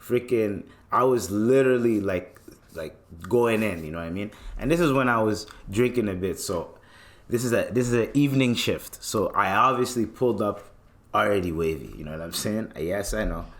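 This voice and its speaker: A man's voice: fairly low pitch, moderate pace. A young man casually telling a story on a podcast, slangy and swearing freely. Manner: laid-back slangy, swears freely, repeats filler phrases. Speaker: podcast host.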